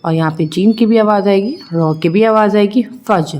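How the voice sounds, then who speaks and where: A woman's voice: mid-range voice, moderate pace, darkish tone. A woman teaching children to read, spelling out letters and vowel marks one by one, then explaining each rule. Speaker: Quran reading teacher. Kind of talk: children's recitation lesson.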